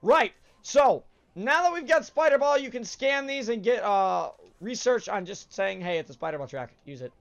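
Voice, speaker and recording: A man hosting a let's play talks at normal speed with few pauses, his high, creaky voice animated despite a stuffy nose from a cold. The commentary is casual and rambling, peppered with uhs and self-corrections, and the recording is muffled.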